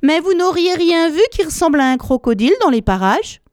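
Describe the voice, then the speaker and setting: A high, eager little elephant boy, as a woman storyteller puts him on, pleading and very polite. He sounds small and curious in a dry, close storybook reading. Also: lively intonation, a little slow, darkish tone, no echo.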